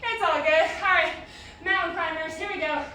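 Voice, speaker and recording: A woman's voice: very high-pitched, steady tone, normal speed, bright, forceful tone, recorded from a distance. A woman coaching a workout as an aerobics instructor, encouraging, calling out short cues and counting reps in a very echoey, noisy room away from the mic.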